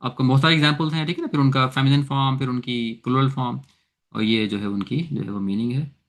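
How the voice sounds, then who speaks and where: A man teaching an online Arabic grammar lesson in Urdu, speaking haltingly with many filler sounds and often switching into English terms. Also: medium pitch, steady tone, a bit bright.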